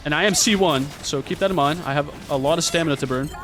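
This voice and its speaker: A man streaming live gameplay, talking to himself and breaking into frustrated shouts. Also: a little high, fast. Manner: mutters to himself, bursts into shouts when frustrated.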